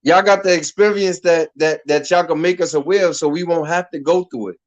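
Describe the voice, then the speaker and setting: A man in his thirties from Harlem hosts a talk-radio conversation, and his voice sits notably high for a man. He talks casually and loosely in street slang, often starting a sentence over before he finishes it. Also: fairly even intonation, fairly quick, highs cut off. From Harlem, New York. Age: 30s. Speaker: radio show host.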